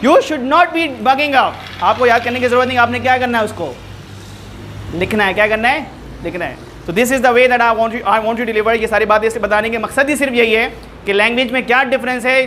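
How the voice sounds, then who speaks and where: High, bright-voiced male teacher. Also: moderate pace, slight background noise. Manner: lively, rhetorical questions to students, switches between languages. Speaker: English teacher. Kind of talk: classroom lecture mixing Hindi-Urdu and English.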